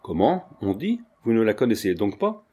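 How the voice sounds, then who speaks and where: A man's voice: lowish voice, very animated, moderate pace, dark tone, husky. Man voicing a wry young son. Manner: wry, teasing.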